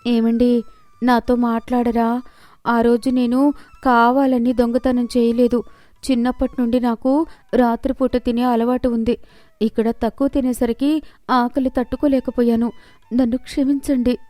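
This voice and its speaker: A woman voicing a timid young daughter-in-law in an animated story, speaking softly and pleadingly. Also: sits high, normal speed, pauses often, no room sound, pitched above the performer's own voice. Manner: pleading, soft.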